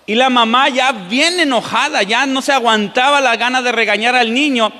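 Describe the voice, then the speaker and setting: A man's voice: very high voice, moderate pace, sharp tone. A man preaching a sermon as pastor in a church, often putting questions to the congregation. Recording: long church-hall reverb.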